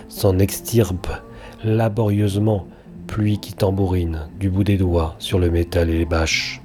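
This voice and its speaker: A man reading a dark story aloud as the narrator, with a measured, deliberate delivery and long pauses. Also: deep voice. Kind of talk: dramatic audiobook story reading. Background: faint background music.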